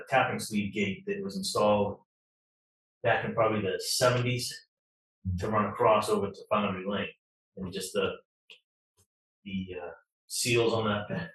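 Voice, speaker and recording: A man's voice: on the low side, a bit bright. A man from the water department giving a plain-spoken, practical update at a public meeting. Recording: echoey meeting room, mic far off.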